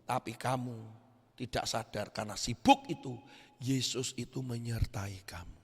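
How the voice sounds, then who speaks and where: A male pastor gives a lively youth sermon, swinging from shouts to quiet asides. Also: medium pitch, moderate pace, slightly rough. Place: church hall. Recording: echoey church hall.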